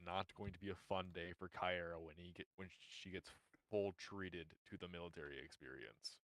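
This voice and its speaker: A man's voice: low voice, moderate pace, dry recording, poor audio. A man chatting casually with friends while gaming, animatedly describing characters. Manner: animated storytelling about characters. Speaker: game player.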